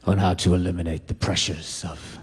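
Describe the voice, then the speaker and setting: A man's voice: sits low, little pitch movement, heavy background noise, voice pushed down, close to an everyday voice. A man voicing a sinister, gloating elite man with a transatlantic accent, plotting with others at a big table. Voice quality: slow, gloating, villainous purr. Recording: reverberant stand-up hall, faint ambience.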